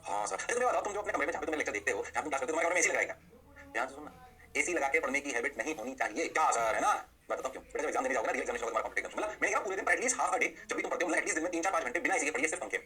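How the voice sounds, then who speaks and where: A man lectures on physics at a breakneck clip, his voice pitched high and sharply bright. He slips English terms into his Hindi and banters back as his own imagined student. He records in a quiet studio. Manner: rapid, animated, mixing English terms into Hindi; answers himself in a student's voice. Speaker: physics teacher.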